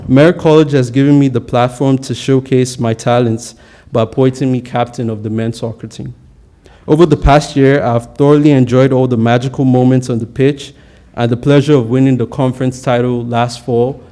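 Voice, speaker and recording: A man's voice: mid-range voice, steady tone, moderate pace, dark tone. A young man giving an earnest, prepared valedictory speech at a college graduation, with occasional stumbles on words.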